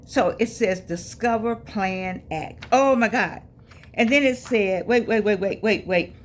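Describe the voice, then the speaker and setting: A woman's voice: medium pitch, measured pace, slight background noise. A woman, giving a folksy, preachy motivational talk, repeating phrases and calling listeners baby. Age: 80s. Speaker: life coach vlogger. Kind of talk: casual motivational talk to camera.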